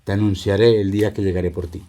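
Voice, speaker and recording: A man's voice: sits low, level tone, quick pace, warm tone, voice pushed down, lightly acted. A man voicing Death as a solemn old man.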